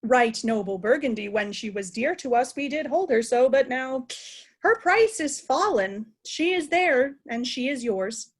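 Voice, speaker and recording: A woman's voice: high voice, expressive, a little slow, slightly rough, heavily acted. A woman playing a proud, wrathful old king in formal, commanding Shakespearean stage verse. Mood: cold, formal. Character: old king Lear, proud, wrathful, imperious male monarch. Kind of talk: Shakespeare reader's theatre acting.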